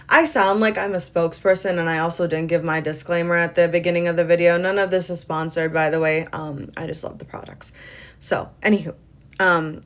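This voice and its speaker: A young woman casually narrating her makeup tutorial, rambling with frequent ums and poking fun at herself. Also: lowish voice. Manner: chatty, rambling, many ums; self-deprecating humor. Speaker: beauty vlogger.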